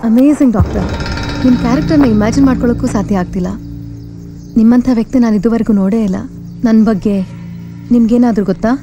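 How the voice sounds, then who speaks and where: An actress playing an eager, impressed young fashion designer. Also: female voice, fairly high pitch, quick pace, long pauses, natural voice. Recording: dull film soundtrack with music.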